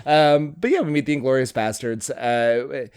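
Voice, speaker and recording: A man's voice: mid-range voice, normal speed, darkish tone, clean tone, no echo. A man co-hosting a podcast, recapping a film plot in casual chat with a wry, profane humor. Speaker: podcast co-host.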